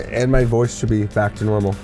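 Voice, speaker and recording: A man with a low, mellow voice co-hosts a casual tech show. He explains things in an easygoing, unhurried way and trades light jokes with the host. Soft music sits faintly in the background. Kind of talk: casual live tech chat.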